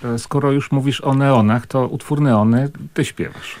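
A male radio host leads the conversation, briskly announcing a song and putting questions to his guests in a mid-range, even voice. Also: mid-range voice, slight background noise. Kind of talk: interview hosting.

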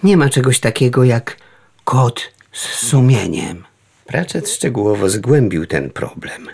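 A man voicing a vain, lofty old male house cat who talks in a mock-philosophical way, with a gravelly, husky voice. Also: medium pitch, sing-song, measured pace, a little mellow. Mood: lecturing.

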